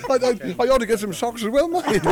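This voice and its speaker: A man, a farmer, joking casually in an outdoor interview. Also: very high-pitched. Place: outdoors at a countryside farm. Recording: outdoor interview, people chattering around.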